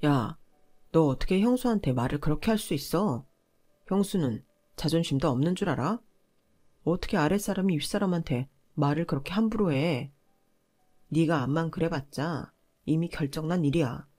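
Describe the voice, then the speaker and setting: A woman's voice: low voice, moderate pace, dark tone. A woman voicing an arrogant young husband who lectures his wife with contempt. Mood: angry.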